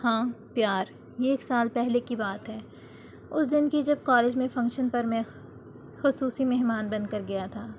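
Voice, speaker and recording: A woman's voice: a little high, slight background noise, close to an everyday voice. Woman reading as an earnest, devoted young husband. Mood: tender, earnest. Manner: earnest, pleading.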